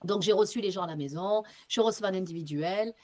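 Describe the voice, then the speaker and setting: A woman medium, interviewed as a guest, telling stories in a casual, lively way, acting out bits of dialogue and using casual slang. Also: mid-range voice, fairly quick. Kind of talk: casual storytelling.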